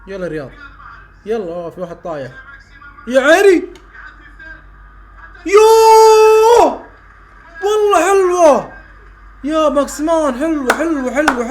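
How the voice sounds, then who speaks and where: A young man, his voice sitting very high and his words tumbling out quickly. He calls a football match as a live reaction, dropping to low muttering between plays, then erupting into excited shouts when a chance comes.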